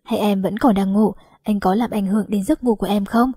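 A woman voicing a young male company chairman who asks gentle, worried questions, in an audiobook. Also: medium pitch, fairly even intonation, brisk, breathy edge, no room sound, clean studio sound, lightly acted.

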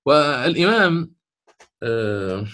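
A man teaching a lesson on Quran recitation rules, asking and answering his own questions and drawing out the recited words slowly. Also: medium pitch, big pitch swings, bright, forceful tone. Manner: stretches recited words drawn out.

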